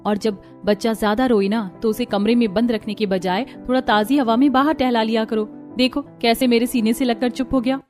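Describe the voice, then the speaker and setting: एक महिला के अभिनय में ममता भरी कार्टून बहू, ऊँची पर नरम आवाज़ में सलाह देती हुई। पीछे धीमा संगीत सुनाई देता है।. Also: female voice, fairly high pitch, fairly even intonation, fairly quick, few pauses, close to an everyday voice. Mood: caring. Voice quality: gentle, earnest. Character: kind caring young wife and mother. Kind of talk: Hindi cartoon voice acting. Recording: light music behind voice.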